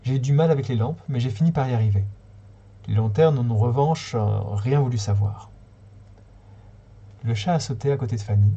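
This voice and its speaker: A man reading a short story aloud on a livestream, in a calm, steady way with occasional small slips. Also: medium pitch, normal speed, pauses often, husky, highs cut off. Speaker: reader.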